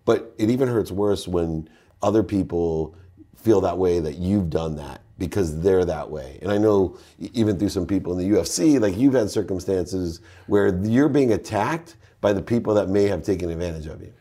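A middle-aged man hosting an interview, asking questions in a measured, reflective way. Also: sits low, warm tone. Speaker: interview host.

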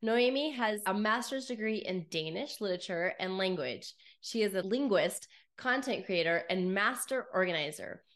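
Woman podcast host; bright, enthusiastic interviewer who asks long, rambling questions. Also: medium pitch, expressive, normal speed, hardly any pauses.

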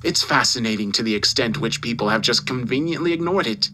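A man acting as a domineering newspaper boss in an audio drama. He is forceful and condescending, with a bright, hard-edged delivery that mocks and bullies his employee. Faint noise sits behind the voice. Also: mid-range voice, animated, a little fast. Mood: intense, persuasive. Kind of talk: dramatised audio story dialogue.

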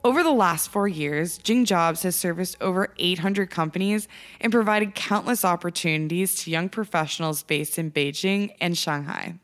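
A woman hosting an interview podcast, reading a scripted intro and then chatting with a guest in an upbeat, enthusiastic way. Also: fairly low pitch. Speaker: podcast host.

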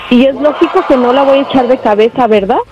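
A woman from Mexico, defiant and sharp-tongued on the phone. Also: sits high, fast, muffled recording, over music. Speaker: caller's sister-in-law.

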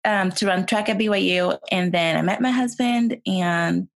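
A woman's voice: mid-range voice, fairly even intonation, moderate pace, creaky. A young woman from Sweden, a guest chatting casually on a video call, laughing often and full of fillers. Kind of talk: casual interview chat.

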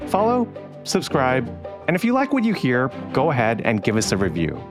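A man's voice: medium pitch, huge pitch swings, moderate pace. A man hosting a podcast, delivering scripted narration with music behind him. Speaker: podcast host. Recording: prominent music bed behind voice.

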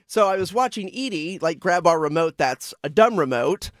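A man co-hosting a radio show, telling a family story in an animated, playful way. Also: high-pitched, moderate pace, no room sound, clean studio sound. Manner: animated storytelling, mimics his toddler. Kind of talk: casual radio banter.

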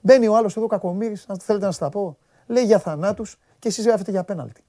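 A man hosts a heated live sports talk show, scolding his viewers in an exasperated way and repeating himself when worked up. His voice is high and warm, recorded with clean studio sound and no room sound.

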